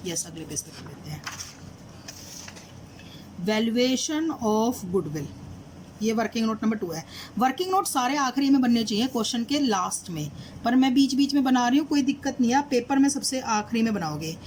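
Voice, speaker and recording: A woman's voice: a little high, expressive, normal speed, a little mellow, rough recording. Woman teacher walking students thru accounts, checks "samjhe?" a lot, bit of faint room hum. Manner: asks students questions and repeats "did you understand?"; mixes English terms into Hindi explanations. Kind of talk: explaining a solved problem.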